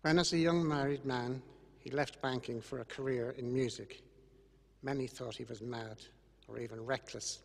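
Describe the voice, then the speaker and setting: An older man with an Irish accent gives a funeral eulogy in a solemn, measured way, with grieving gratitude. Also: mid-range voice, fairly even intonation, gravelly, a little hiss or hum. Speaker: eulogist speaking about his late brother. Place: large church, over a microphone to congregation and webcam. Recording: echoey church with long reverb.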